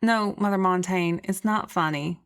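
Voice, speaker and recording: A woman voicing a gentle, sincere daughter-in-law in an audiobook, tender and earnest. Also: on the low side, normal speed, clear, resonant tone, natural voice. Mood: sober, tender. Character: gentle, grieving young widowed daughter-in-law, sincere and forgiving.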